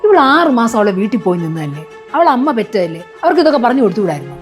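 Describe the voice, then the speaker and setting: A woman's voice: mid-range voice, very animated, racing, soft background music, close to an everyday voice. An actress in a short film drama, playing a scolding, domineering middle-aged mother-in-law. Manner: scolding, nagging.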